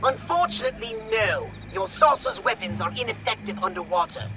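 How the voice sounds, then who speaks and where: An actor playing a pompous, exasperated alien commander in a video game, speaking precisely and with sardonic scorn. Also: male voice, extremely high pitch, huge pitch swings, a little fast, creaky, sharp tone, faint music behind, exaggerated voice. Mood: exasperated, scornful. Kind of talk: video game character acting.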